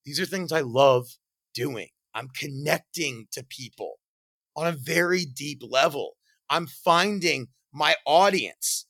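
A young man, a stand-up comedian, talking earnestly to camera, swinging between loud bursts and quiet reflection. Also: on the high side, slow, slightly rough, dry recording. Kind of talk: reflective monologue.

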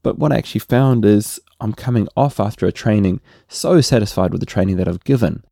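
A middle-aged man with a New Zealand accent, hosting a relaxed solo podcast and often tagging his points with "right?". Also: fairly low pitch, fairly quick, creaky, dry recording, studio quality. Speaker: podcast host.

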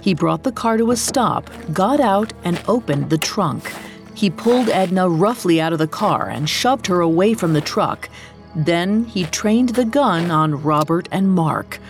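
A woman's voice: lowish voice, lively intonation, measured pace, soft background music. A woman narrating a scripted true-crime story in a dramatic, storytelling manner. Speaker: podcast narrator.

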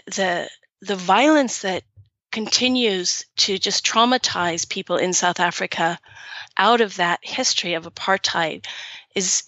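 A woman's voice: lowish voice, pushed and bright, no room sound, highs cut off. A middle-aged woman with an American accent, speaking earnestly and emphatically as an interview guest, with many fillers and restarts. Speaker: guest, activist. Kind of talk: interview conversation.

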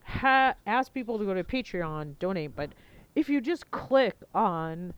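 A woman hosting a podcast, chatting casually and rambling as she thinks aloud, recorded on a low-quality headphone mic. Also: animated, measured pace, lo-fi sound, a little hiss or hum. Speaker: podcast host. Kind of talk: casual chat, informal podcast announcement. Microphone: headset, talking into headphones.

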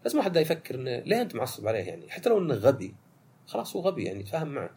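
A man, hosting a solo podcast and talking through his thoughts in a fast, conversational way. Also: a little hiss or hum. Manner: fast and conversational, with lively rises in pitch. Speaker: podcast host.

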